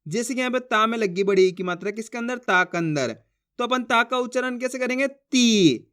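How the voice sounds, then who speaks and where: A man teaching beginners to read Hindi, sounding out syllables slowly and asking listeners to read along with him. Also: very high voice, sharp tone, clean tone. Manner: drawn-out syllables when sounding out words. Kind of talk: spoken lesson for beginners.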